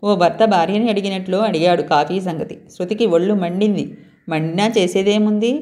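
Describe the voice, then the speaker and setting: A woman storyteller reading a tale aloud in a calm and steady way. Her voice sits at a middle pitch.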